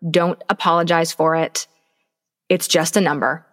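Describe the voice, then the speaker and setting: A woman's voice: low-pitched, fairly even intonation, normal speed, a bit bright. A woman co-hosting a business podcast, giving advice in an emphatic, coaching way and repeating her key points. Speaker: podcast co-host. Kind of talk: casual business podcast chat.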